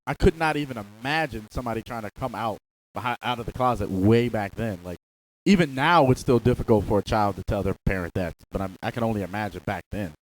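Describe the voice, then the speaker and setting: A man's voice: lowish voice, fast talker, a little hiss or hum, low-quality recording. A man hosting a radio interview in a casual, conversational style, responding to his guest and asking questions.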